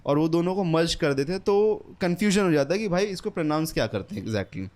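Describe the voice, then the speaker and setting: Talking fast and expressively, a young man with a slightly high, darkish voice teaches a casual English lesson and recommends a book. He's earnest and repetitive, sprinkling English words through his Hindi.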